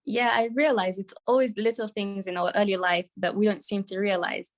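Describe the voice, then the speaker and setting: A woman's voice: mid-range voice, fairly even intonation, a little fast. A young woman co-hosting a podcast, reading prepared interview questions in an eager, upbeat way. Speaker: podcast co-host.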